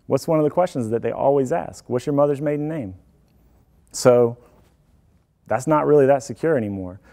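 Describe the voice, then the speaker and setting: A man's voice: on the high side, warm tone. A man giving a casual presentation on computer security to an audience, chatty and joking, taking questions. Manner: chatty, self-deprecating, joking asides.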